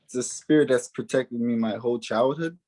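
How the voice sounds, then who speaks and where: Speaking a little fast with a warm tone and fairly even intonation, a young man in his early twenties gives an earnest spiritual testimony at a medium pitch. Haitian-born and US-raised, he repeats key words to stress them.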